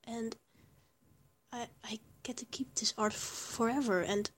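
A woman with a slightly high, fairly bright voice keeps a steady tone and measured pace. She whispers breathily and tenderly as a small, affectionate young lover who stammers and rambles between giggles, in whispered intimate roleplay audio.

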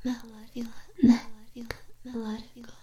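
Woman doing a flirty witch hypnotist for ASMR roleplay, higher whispered voice, unhurried delivery. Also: little pitch movement, close to an everyday voice. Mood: coaxing. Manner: soft whispering, slow repetitive coaxing.

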